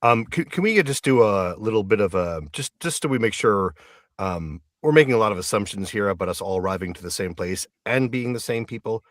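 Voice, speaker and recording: A man's voice: fairly low pitch, lively intonation, fairly quick, dry recording, studio quality. A man playing a tabletop game in character, speaking hesitantly with many fillers and restarts. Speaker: player.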